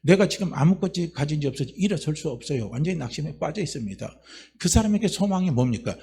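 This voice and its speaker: A male pastor giving a Sunday sermon in a slightly husky voice, repeating phrases and building to loud, emphatic climaxes. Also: on the high side, expressive, quick pace.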